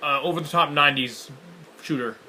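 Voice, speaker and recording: A man with a slightly raised pitch and a very bright, cutting tone gives blunt, sarcastic takes in casual chat. He swears and stammers through false starts. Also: moderate pace, a little hiss or hum. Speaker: co-host. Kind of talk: casual game-showcase reaction chat.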